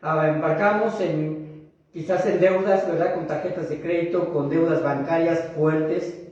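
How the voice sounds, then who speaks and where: High-voiced Mexican pastor in an echoey church. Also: male voice, fairly even intonation, a little mellow. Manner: addresses the congregation, often tags "¿verdad?"; slow, emphatic phrasing of key words. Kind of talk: sermon. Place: church sanctuary. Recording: very echoey hall, mic at a distance, dull sound.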